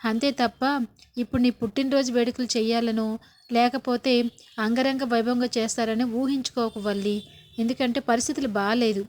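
A scheming middle-aged mother, calm and cautioning, as a woman narrator puts her on. The voice sits a little high and stays close to the reader's own. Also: moderate pace, close to an everyday voice.

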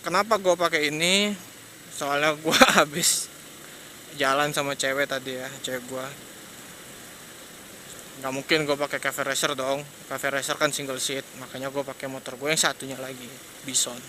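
A man's voice: medium pitch, level tone, normal speed, long pauses, pushed and bright. A young man with a Jakarta accent rambling casually and hesitantly while riding a motorbike at night, through an action-cam mic. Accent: Jakarta Indonesian. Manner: slangy, hesitant, chatty, laughs often. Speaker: motovlogger. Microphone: external mic on a helmet action cam. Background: traffic and engine noise.

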